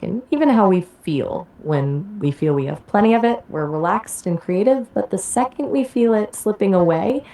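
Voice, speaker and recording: A synthetic woman's voice of an AI assistant, pitched a little low, explains things in a polished conversational way. She closes each answer by turning a question back to the listener. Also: warm tone.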